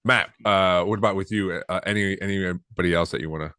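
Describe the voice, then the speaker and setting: A man hosting a casual podcast interview, asking questions in a relaxed, hesitant way. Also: low voice, a little fast, clear, resonant tone, no echo, clean studio sound. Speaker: podcast host.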